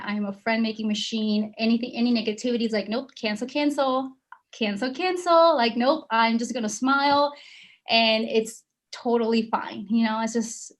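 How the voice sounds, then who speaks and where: A woman sharing on a group video call in a bubbly, energetic way, peppering her talk with "like". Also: a little high. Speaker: guest. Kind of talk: upbeat personal sharing on a call.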